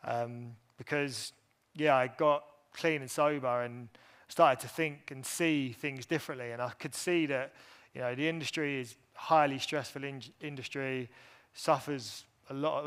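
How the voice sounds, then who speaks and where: A man telling his personal story to a conference audience, candid and halting, with many fillers and restarts. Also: mid-range voice, a bit bright, smooth. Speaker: speaker at an industry event.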